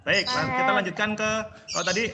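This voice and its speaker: Teacher on a noisy video call. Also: male voice, high-pitched, fast talker. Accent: Indonesian. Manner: patient, coaxing, sings the scale notes. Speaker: primary school teacher. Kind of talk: online class teaching. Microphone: laptop video call.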